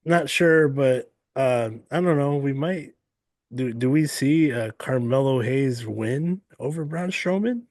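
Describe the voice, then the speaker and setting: A man co-hosting a podcast in a casual chat, speaking hesitantly with frequent pauses and restarts. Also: medium pitch, a little mellow, no echo. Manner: slow and hesitant, many ums and restarts. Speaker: podcast co-host.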